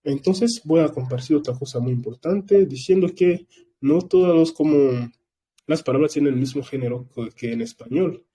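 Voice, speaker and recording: A man's voice: on the high side, moderate pace, dark tone, husky. A man teaching French in an online class, explaining patiently and checking in with frequent questions to his students. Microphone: computer microphone.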